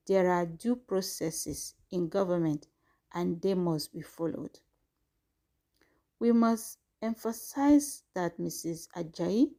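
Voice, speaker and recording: A woman's voice: medium pitch, creaky, dark tone. Nigerian woman reading news in formal English. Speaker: news show host.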